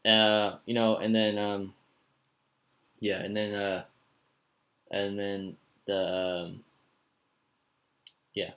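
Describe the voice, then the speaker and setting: A man hosting a podcast, recapping a show in a rambling, casual way with many fillers and restarts, acting out his own excited reactions. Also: on the low side, very slow, long pauses. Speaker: podcast host.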